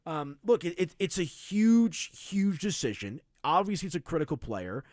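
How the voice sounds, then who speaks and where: A man hosting a sports talk radio show, debating with animated asides and throwing to a break. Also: a little high, normal speed, dry recording, clean studio sound. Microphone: studio microphone.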